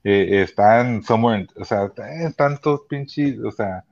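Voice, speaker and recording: A man, telling concert stories as a podcast guest in a casual, profane, animated way. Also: on the low side, takes it slowly, muffled recording. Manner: profane, animated, many restarts. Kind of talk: casual storytelling chat. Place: Chula Vista hospital.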